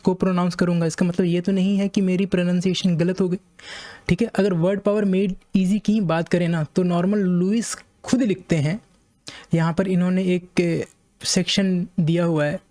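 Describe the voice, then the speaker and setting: An Indian man, an English teacher with an Indian accent, calmly explaining a point to his viewers and slowly reading passages aloud. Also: high-pitched. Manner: measured, repeats points, reads English slowly.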